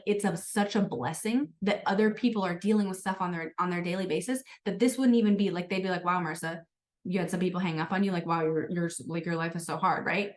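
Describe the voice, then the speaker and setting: A woman leading a sales team training, telling stories in a chatty, motivational way with lots of filler words. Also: lowish voice. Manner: chatty, storytelling, frequent "like" and "guys". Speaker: sales team leader hosting a training call.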